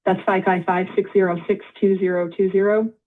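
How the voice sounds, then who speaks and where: A woman's automated phone voice acting as an intake agent, polite and measured, reading back details in scripted prompts. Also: mid-range voice, flat delivery. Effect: automated phone-line voice. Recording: tinny phone line.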